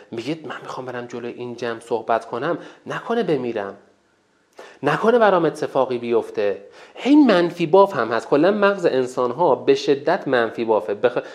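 A teacher giving a colloquial lecture in a public speaking course, asking rhetorical questions and repeating points for emphasis. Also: medium pitch. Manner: animated, asks rhetorical questions to the listeners.

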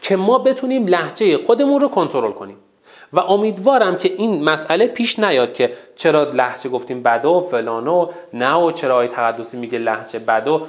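Sex: man. Role: speaking coach. Delivery: lively, step-by-step lesson. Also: a little high. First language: Turkic language. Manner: lively, emphatic teacher who counts off steps. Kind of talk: online lesson.

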